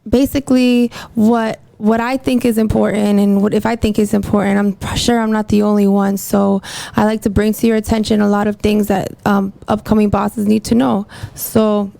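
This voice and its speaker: A hairdresser hosts a casual podcast from her mobile salon, recorded on a phone, chatting in a rambling, upbeat, self-hyping way in a casual interview. Her medium-pitched voice is creaky and mellow, with little pitch movement at normal speed, and the recording is dry.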